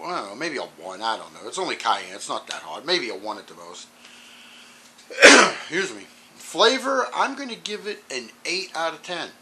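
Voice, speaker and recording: A man with clogged sinuses casually reviewing a hot sauce on his channel, rambling with ums and clearing his throat often. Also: mid-range voice, pushed and bright, slight background noise, low-quality recording.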